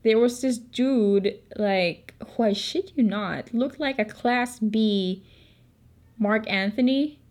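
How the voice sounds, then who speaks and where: A woman's voice: a little high, slow, a little mellow. Foul-mouthed young Filipino woman storyteller. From Philippines. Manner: swears a lot, chatty and candid. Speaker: vlogger. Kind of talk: casual storytelling.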